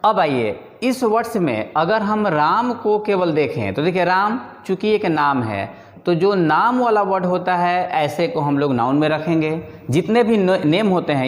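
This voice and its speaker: A man teaching a grammar lesson in a classroom, explaining step by step and often checking in with his students. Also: high-pitched. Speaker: English teacher. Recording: echoey room with long reverb.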